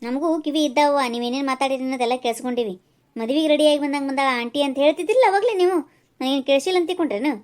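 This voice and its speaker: A brash, quick-tempered village woman from a cartoon, as a woman puts her on, with a North Karnataka accent. Her voice sits high and she fires off words at a fast clip, combative and scolding. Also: a little mellow, natural voice. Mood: indignant. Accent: North Karnataka Kannada. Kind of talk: cartoon voice acting.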